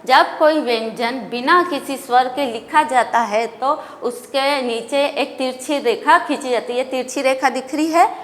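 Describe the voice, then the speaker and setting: Slow, high-voiced woman teaching a class. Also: fairly bright tone, big-room sound. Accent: Indian Hindi. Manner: slow and deliberate, repeats questions and answers. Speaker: school teacher. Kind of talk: classroom lesson, asking and answering her own questions.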